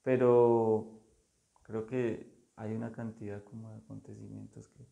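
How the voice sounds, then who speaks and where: A man from Colombia, an artist, talking slowly and thoughtfully in his studio, pausing often and restarting his phrases. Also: on the low side, flat delivery, vocal fry, dark tone, muffled recording. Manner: slow, thoughtful, halting with many fillers. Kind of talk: casual conversation about art.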